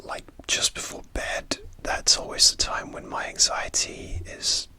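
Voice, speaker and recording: Slow, whispered ASMR pep talk. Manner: slow, gentle, hesitant, confiding. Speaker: ASMR video host. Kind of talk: whispered ASMR, softly encouraging affirmations and personal chat, a whispered pep talk.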